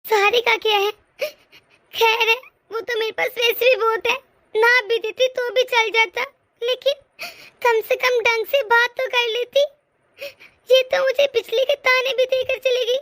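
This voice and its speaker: A woman voicing a gentle, resigned mother in a cartoon, crying as she speaks. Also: very high voice, fairly even intonation, normal speed. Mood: tearful. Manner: resigned, soft-spoken. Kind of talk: animated cartoon voice acting.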